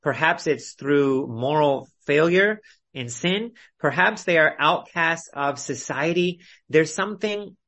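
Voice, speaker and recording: A man with a fairly high, expressive voice and a fairly bright tone teaches an expository Bible study via online video call. His delivery is earnest, instructive and carefully measured.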